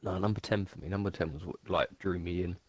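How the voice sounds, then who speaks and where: A man's voice: sits low, steady tone, fast talker, no room sound. A man in casual chat on a gaming stream, talking in a hesitant, laid-back way.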